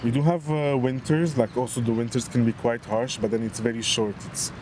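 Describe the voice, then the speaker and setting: A man's voice: medium pitch, steady tone, brisk. A man in his thirties from Lebanon, talking as an interview guest in a casual, reflective way with many hesitations, seated on an outdoor bench by the water. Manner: reflective, hesitant with fillers, earnest. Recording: outdoor street noise, passing vehicles. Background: street traffic.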